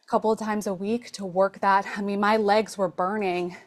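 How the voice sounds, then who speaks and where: A woman fitness coach speaks to her class while still catching her breath. She explains with emphatic, energetic delivery in a mid-range voice. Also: mid-range voice, moderate pace.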